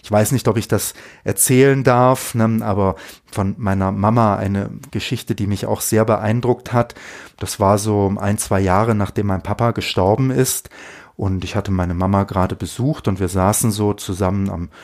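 A man giving a calm spiritual lesson with guided reflection, unhurried and often adding a questioning "ne?" to his phrases. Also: lowish voice. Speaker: meditation teacher.

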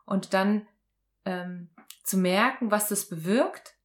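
Animated woman telling a personal story. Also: mid-range voice, slow. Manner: animated, acts out quoted dialogue. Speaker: interview guest.

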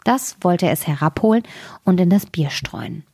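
A woman storyteller reads a fairy tale in a lowish voice. She narrates softly and brings the characters to life with livelier turns. The sound is close and dry. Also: expressive, normal speed, creaky, slightly rough, no echo.

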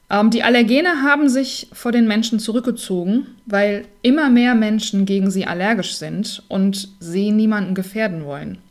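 A middle-aged woman talks through a children's book in an easy, informal review. She chats straight to the listener and gets animated whenever she reads the characters' lines aloud. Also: medium pitch. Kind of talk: casual spoken book review.

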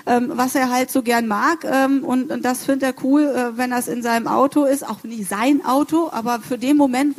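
A woman speaking on a discussion panel, halting and full of fillers. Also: on the high side.

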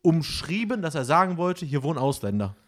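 This man talks fast in a mid-range voice, recounting stories with lots of energy during a casual podcast conversation. He voices the dialogue himself, playing out what each person said.

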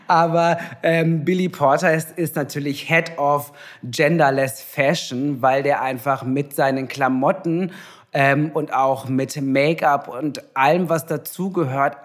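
A young man, a TV presenter, talking casually and reflectively as an interview guest, with many pauses and fillers. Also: a little high.

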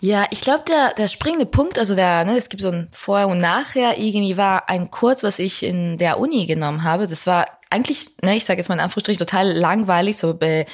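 A woman's voice: medium pitch, a little fast, few pauses. A young woman from Spain, speaking German in a candid interview, reflective and full of fillers and restarts. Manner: reflective, many fillers and restarts, laughs often. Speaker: guest.

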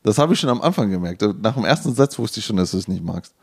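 Lively, exasperated man arguing about music. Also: lowish voice, fast, slightly rough. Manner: passionate, exasperated, sings bits of songs. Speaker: podcast co-host. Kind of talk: heated casual debate about music.

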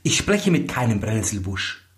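A man's voice: lowish voice, big pitch swings, normal speed. A man voicing an ugly, scheming young bride who scolds shrilly. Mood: haughty. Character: false bride, ugly young woman, scheming and short-tempered.

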